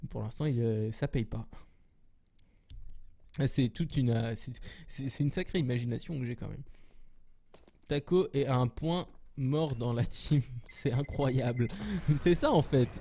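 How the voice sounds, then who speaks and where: A man casting a live esports match alone, rambling and joking between plays, with quick bursts of excitement at big moments. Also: mid-range voice. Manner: jokey, rambling, self-mocking asides. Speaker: esports caster. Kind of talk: solo live game commentary.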